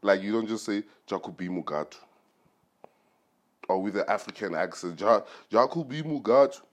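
A man's voice: sits low, moderate pace. A man hosting a solo podcast, talking casually in a rambling, joking way with plenty of slang. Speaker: podcast host.

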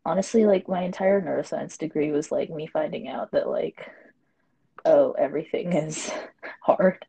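Young woman podcast co-host, low husky voice, loose filler-heavy chat. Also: normal speed, mellow, rough recording. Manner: rambling, filler-heavy, frequent laughter. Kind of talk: casual chat.

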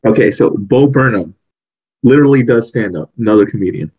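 A man co-hosting a podcast, chatting casually about a movie and retelling scenes in an animated, excitable way. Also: mid-range voice, a little fast, husky, highs cut off. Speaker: podcast co-host. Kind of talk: casual movie review chat.

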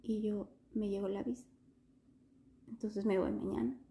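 A young woman from Quito with an Ecuadorian Spanish accent, telling a story in casual chat with animated bursts of laughter. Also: medium pitch, moderate pace, creaky. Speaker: guest telling her story.

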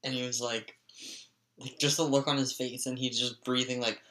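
A man's voice: mid-range voice, flat delivery, moderate pace, fairly bright tone. A young man telling casual, profane stories, rambling with constant fillers. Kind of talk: casual storytelling monologue.

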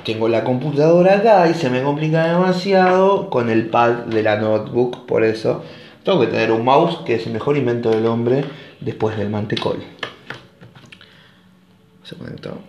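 A man's voice: mid-range voice, darkish tone, reverberant, slight background noise. A man with an Argentine Rioplatense accent hosting a casual monologue podcast, rambling with sarcastic joking asides. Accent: Argentine Rioplatense Spanish. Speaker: podcast host.

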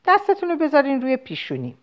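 A playful young girl, voiced by a woman reading an audiobook, speaks in a bright, coaxing voice pitched above the narration. Her lines swing up and down with eager, childish liveliness. She sounds proud of herself and quick to tease. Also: wildly swooping pitch. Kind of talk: audiobook character voice.

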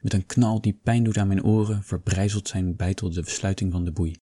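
Deep, husky male narrator. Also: fairly even intonation, moderate pace, dark tone, no room sound. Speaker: audiobook reader. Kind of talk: first-person novel narration.

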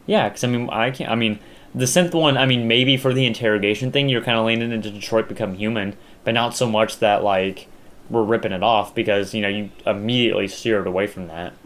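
A man's voice: fairly low pitch, fairly quick, a bit bright. A young man chatting casually as a podcast co-host, rambling with lots of fillers and restarts. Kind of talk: casual chat.

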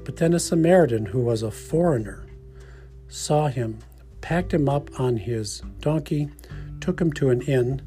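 A man preaching a sermon, explaining in a measured teaching tone. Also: medium pitch, expressive, warm tone, soft background music.

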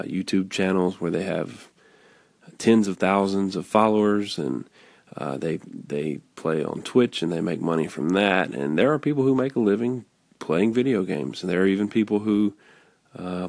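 A man hosting a casual podcast, talking in a nasal, raspy voice, rambling with fillers and restarts. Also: low voice, moderate pace, a little mellow, no echo. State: hoarse. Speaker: podcast host. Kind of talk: casual solo talk.

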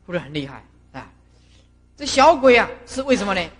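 A middle-aged woman, a Buddhist master lecturing monastic students and telling stories with lively acted-out scenes. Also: medium pitch, a little fast. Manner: animated storyteller who acts out scenes. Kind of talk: doctrinal lecture with personal stories. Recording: reverberant lecture hall.

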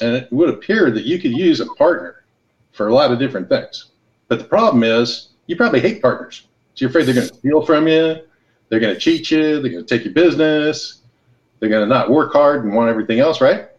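Speaking quickly and with animation in a mid-range voice, this middle-aged American podcast guest talks business in a relaxed, everyday way, illustrating points with stories. He hails from Los Angeles and Hawaii, and the recording is lo-fi.

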